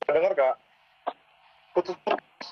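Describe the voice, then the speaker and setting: A man in a casual chat, heard over a choppy online call line and repeatedly checking whether he can be heard. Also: on the high side. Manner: quick, repeated checks on the connection. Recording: dull lo-fi call audio with faint noise.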